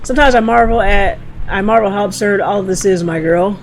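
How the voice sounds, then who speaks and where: A woman's voice: mid-range voice, fairly quick, slight background noise, natural voice, low-quality recording. A woman reading the lines of a bookish older male scholar from a game, stumbling and restarting as she reads. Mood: musing.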